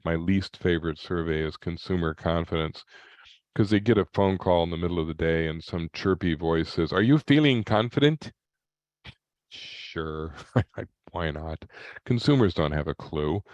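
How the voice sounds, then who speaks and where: A man's voice: low voice, a little mellow, no echo. A man, an economist, giving a webinar talk with dry, wry storytelling and folksy humor. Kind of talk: webinar presentation.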